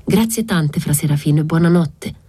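A woman's voice: deep voice, normal speed, mellow, husky. A woman voicing an impatient wounded nobleman. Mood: curt. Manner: curt, dry replies. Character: wounded nobleman soldier, man, impatient and ironic.

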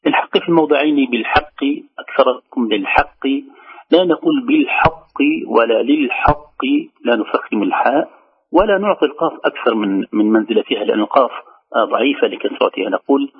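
A man's voice: medium pitch, big pitch swings, husky. Male recitation teacher on a phone line. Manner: slow, careful demonstration of pronunciation. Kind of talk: tajweed instruction on a radio call-in show. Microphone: telephone.

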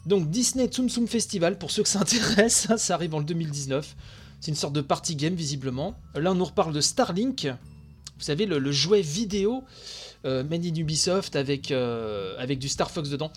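Tired guy doing live reaction on a games stream, kinda high voice, excitable, lots of euhs, faint music behind. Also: normal speed. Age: adult with young son. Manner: excitable, chatty, many fillers. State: very tired, late at night. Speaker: video game channel host.

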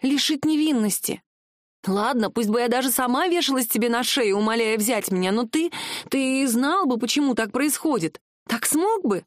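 A woman's voice: fairly high pitch, animated, normal speed, no echo, natural voice. A woman reading a story and voicing a distraught young heroine who pleads and rises close to tears. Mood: pleading. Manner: pleading, rising, near tears.

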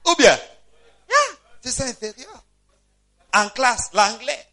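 A man preaches in a church with a high, bright voice. He calls out to his congregation and swings between loud emphatic cries and hushed asides. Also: measured pace. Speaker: pastor. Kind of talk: church sermon.

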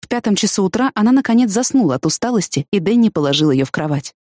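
A woman reading a first-person audiobook narration in an even, measured storytelling manner. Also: mid-range voice, no echo, clean studio sound.

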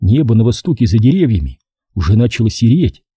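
A man narrating an audiobook in an expressive storytelling manner. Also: lowish voice, fairly quick, slightly rough, dry recording. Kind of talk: audiobook reading.

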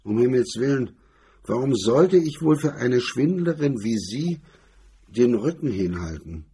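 A man's voice: mid-range voice, lively intonation, unhurried, mellow, slightly rough, voice pushed up. A man reading the part of a cool, sneering male blackmailer, in a mocking, condescending tone. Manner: mocking, condescending, hard-edged.

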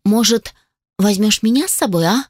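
Woman doing a sassy young heroine, high and pleading, a bit snappy, dry close sound. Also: expressive, moderate pace, slightly rough, no room sound. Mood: coaxing. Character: feisty young woman heroine, scared and sarcastic.

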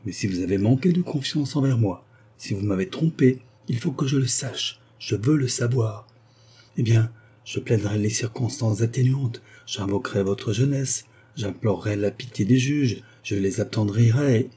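A man's voice: fairly low pitch, normal speed, mellow, slight background noise, close to an everyday voice. A man reading the lines of an earnest young lawyer who speaks urgently and insistently. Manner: urgent, pleading.

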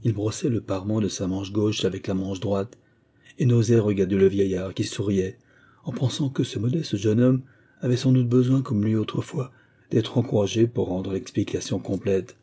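A man narrating a classic novel as an audiobook reader, measured and literary. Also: lowish voice, warm tone, breathy edge. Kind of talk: scripted narration.

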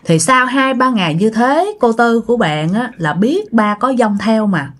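A woman's voice: a little high, expressive, unhurried. A woman telling a ghost story casually, talking straight to her listeners. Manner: chatty, addresses listeners directly.

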